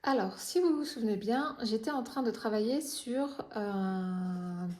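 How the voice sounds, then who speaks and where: A woman's voice: a little high, a little slow. Chatty woman reviewing her craft work. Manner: relaxed, chatty, many hesitations and self-corrections. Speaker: vlogger reviewing her finished diamond painting. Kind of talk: casual chatty review vlog.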